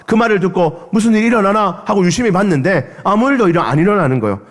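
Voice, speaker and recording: A male pastor delivers an impassioned Sunday sermon, his voice sitting higher than a usual man's. He swings from high, pressing climaxes to low, hushed drops and calls the congregation to read along. The sound carries the long reverb of a church sanctuary. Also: sing-song, fast talker. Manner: impassioned, with dramatic swings of pitch and level; leads the congregation in reading aloud.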